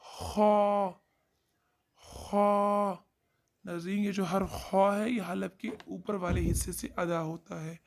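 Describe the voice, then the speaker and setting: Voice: mid-range voice, steady tone, moderate pace, gravelly, few pauses, a little mellow. A Quran recitation teacher giving a tajweed lesson, explaining where each letter is sounded and drawing out demonstrations of the letters. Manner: addresses viewers directly and often.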